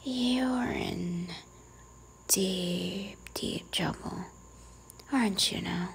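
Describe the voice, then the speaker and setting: A woman in a whispered role-play, playing a strict, teasing librarian who quietly scolds a careless visitor. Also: mid-range voice, drawn-out words, gravelly, slight background noise. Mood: hushed, teasing menace.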